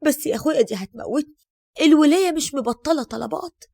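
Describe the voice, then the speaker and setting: A spiteful young daughter-in-law with an Egyptian accent, put on by a woman narrator, grumbling in a higher, gravelly voice. Her complaints sound close and dry in a storybook telling. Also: expressive, quick pace, warm tone, dry recording. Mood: fed up. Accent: Egyptian Arabic.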